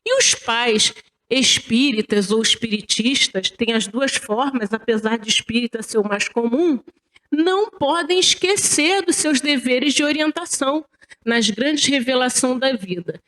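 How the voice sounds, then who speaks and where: A woman from Brazil giving a spiritist religious lecture in a lecture hall, animated and chatty as she tells stories. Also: high-pitched, a little slow.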